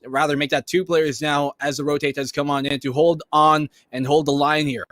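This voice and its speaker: A man's voice: a little high, level tone, normal speed, fairly bright tone, no echo. A man giving live esports play-by-play commentary in a flowing, colorful caster patter.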